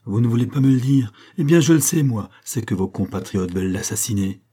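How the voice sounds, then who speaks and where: A man's voice: on the low side, a little fast, dark tone, breathy edge. A man voicing an anguished young queen. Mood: anxious. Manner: fervent, pleading. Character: young grieving queen, anxious and pleading.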